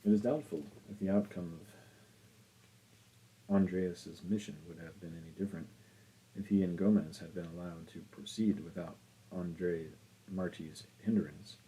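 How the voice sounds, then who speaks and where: Deep, husky male audiobook narrator. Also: steady tone, normal speed, mellow, low-quality recording. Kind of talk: scripted literary narration.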